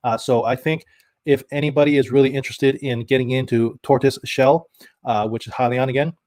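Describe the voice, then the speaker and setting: A man's voice: medium pitch, steady tone, fairly quick, darkish tone, dry recording, clean studio sound. A man hosting a live stream about stocks, chatting casually, reading viewer comments and restarting his sentences with many fillers. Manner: thanks viewers by name, reads chat comments. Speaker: stock channel host.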